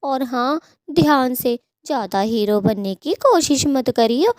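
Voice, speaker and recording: A woman's voice: high-pitched, lively intonation, unhurried, darkish tone, no room sound, clean studio sound. A woman voicing a worried old mother in a cartoon story who pleads and fusses over her son. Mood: resigned. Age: older. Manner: pleading, fussing and complaining.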